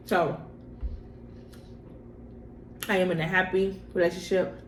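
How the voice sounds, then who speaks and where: Young woman chatting casually in an echoey room. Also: lowish voice. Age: young adult. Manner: informal, slangy, with emphatic repetition. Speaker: vlogger answering personal questions. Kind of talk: casual mukbang chat to camera. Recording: echoey room with faint background noise.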